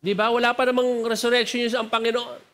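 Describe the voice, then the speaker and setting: A Filipino preacher delivering a sermon in a high male voice. He talks in a loose, conversational way and keeps drawing the listeners in. He mixes in questions for the crowd to answer. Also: flat delivery, fast, fairly bright tone. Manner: conversational, code-switching, asks the crowd to respond. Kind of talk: sermon mixing joke and scripture.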